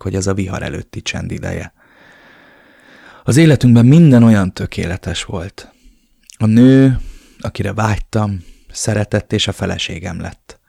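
A man narrating a novel in the first person, steady and measured, as an audiobook reader. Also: lowish voice, vocal fry, breathy edge, no room sound, clean studio sound.

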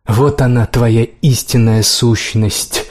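Male reader voicing a wounded defiant young heroine, husky tone, pleading outbursts. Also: medium pitch, fairly even intonation, takes it slowly. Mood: cold. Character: hurt, defiant young woman in love.

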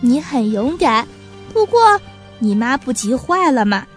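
A woman doing a brisk, kindly magpie sister. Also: high voice, very animated, soft background music, pitched below the performer's own voice. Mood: teasing. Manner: brisk, warmly teasing. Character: busy, kindly grown female magpie.

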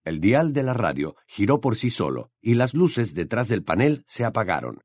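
A man narrates a novel in an expressive storytelling voice. His pitch moves in a lively, animated way. The recording is dry and close, with no room sound. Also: moderate pace, breathy edge, no echo. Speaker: audiobook narrator. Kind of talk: audiobook narration.

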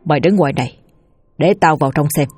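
A woman voicing a blunt, gruff middle-aged father who scolds and swears harshly in a storybook reading. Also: low voice, fast, warm tone, dry recording, soft background music.

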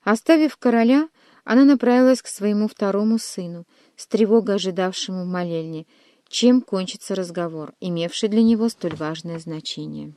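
A woman narrates a classic historical adventure novel with dramatic, expressive delivery. Her voice sits at an ordinary middle pitch. The recording is dry and close, with no room echo. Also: normal speed. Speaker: audiobook narrator.

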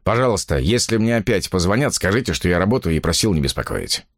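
A man's voice: sits low, big pitch swings, quick pace, dry recording, clean studio sound, full character voice. Man reading a curt, impatient man. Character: irritable, cold lying writer, a grown man.

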